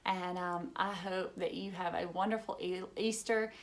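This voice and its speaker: Her voice on the low side, a woman reads a children's story at a moderate pace with fairly even intonation. She takes a teacher's approach, explaining simply and tossing in chatty remarks aimed at the kids listening.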